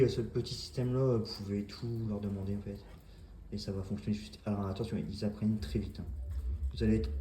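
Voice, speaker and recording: A man's voice: lowish voice, warm tone, reverberant, a little hiss or hum. A man, a dog breeder, talking casually to camera about his puppies, hesitant with many fillers and restarts.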